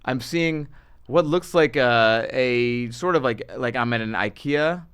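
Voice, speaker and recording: A man's voice: mid-range voice, unhurried, fairly bright tone, clear, resonant tone, no room sound, clean studio sound. A man hosting a podcast in casual comedic chat, teasing and sarcastic. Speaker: podcast host.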